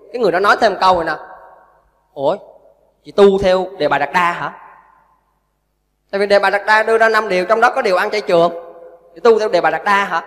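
High-voiced monk preaching. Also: male voice, long reverb tail. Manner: storytelling, acts out quoted voices, animated. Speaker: Buddhist monk giving a dharma talk. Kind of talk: sermon.

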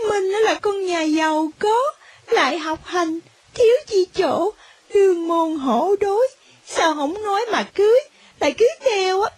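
A woman's voice: extremely high pitch, darkish tone, dry recording. A woman reading a story, voicing a tearful poor orphaned young village woman in a plaintive way. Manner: plaintive, tearful, trailing filler particles.

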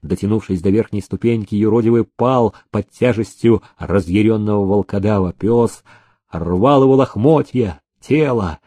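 A man reads a historical novel aloud as an audiobook narrator, in a measured and expressive way. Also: lowish voice, dry recording, studio quality. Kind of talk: scripted narration.

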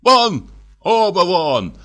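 A man's voice: sing-song, normal speed. Enraged nervous doctor, shrieking and trembling, male reader voicing him. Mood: furious. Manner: shouting, shrill, trembling. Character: nervous middle-aged male doctor, raging in despair.

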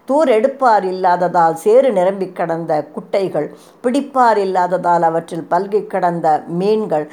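A woman reading a historical novel aloud in a measured, expressive storytelling voice. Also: on the low side. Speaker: narrator.

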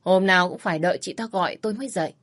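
A woman narrating a family drama in the first person, in a calm, subdued tone. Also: fairly low pitch, racing.

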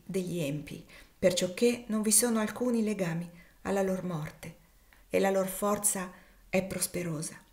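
A woman gives voice to a devout older man, steady and kindly, who speaks in a measured, solemn way, as if reading scripture aloud. The pitch is even and middle, and the telling belongs to a storybook audiobook. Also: lightly acted.

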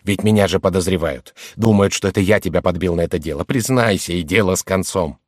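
A man's voice: low voice, quick pace, no echo, studio quality. A man reading an audiobook and voicing a male fellow servant who is anxious and bullying, in a harsh, urgent, demanding way. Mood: angry.

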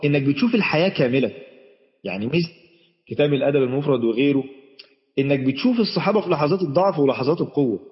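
A man's voice: medium pitch, in a large hall, lo-fi sound. A man with an Egyptian accent giving a chatty religious lesson, speaking straight to his audience and often restarting his sentences. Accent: Egyptian Arabic. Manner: chatty, addresses the audience directly, frequent restarts. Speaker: sheikh giving an Islamic lesson.

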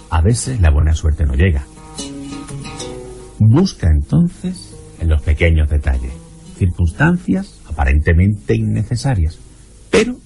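Slow, deep-voiced man narrating over guitar. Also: creaky. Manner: slow, measured, advising tone. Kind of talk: scripted reflective narration over music. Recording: guitar music underneath.

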